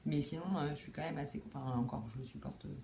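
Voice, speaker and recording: A woman's voice: deep voice, steady tone, fast, warm tone, a little hiss or hum. A young woman hosting a knitting video podcast from home, chatting casually with lots of fillers, restarts and self-deprecating asides. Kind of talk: casual chat. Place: home room with window.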